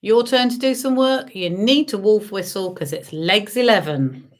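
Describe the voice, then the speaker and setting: A woman's voice: medium pitch, moderate pace. A woman with a British accent working as a bingo caller, giving singsong number calls mixed with casual chatter. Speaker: bingo caller hosting an online game.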